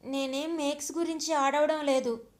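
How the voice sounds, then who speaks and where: A small anxious boy with a very high, childlike voice, pleading and half sobbing as he speaks, as a woman storyteller puts him on. He sounds young and fragile throughout the storybook scene. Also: measured pace. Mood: distressed. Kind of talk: audio story reading.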